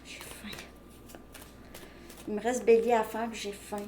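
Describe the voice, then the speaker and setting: A woman's voice: a little high, level tone, fast, warm tone. Woman, tarot reader, chatty and loose, roomy echo with faint hiss. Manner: chatty, thinking aloud with many fillers and "ok?". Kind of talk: casual tarot card reading to viewers. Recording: echoey room, faint background noise.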